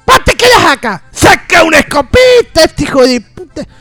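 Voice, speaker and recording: A man doing a shrill rowdy country storyteller. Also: very animated, normal speed, no room sound, faint music behind, exaggerated voice. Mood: excited, rowdy. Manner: shouting, rambling, constant "¿viste?". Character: rambling rustic countryman, rowdy and excitable. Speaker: comedy guest. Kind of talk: comic storytelling in character on radio. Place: radio studio.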